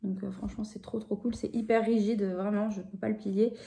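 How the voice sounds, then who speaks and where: Woman vlogger, 30s, mellow warm voice, chatty with lots of fillers and restarts, casual home recording. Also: medium pitch, level tone, a little fast, vocal fry. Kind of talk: casual craft vlog.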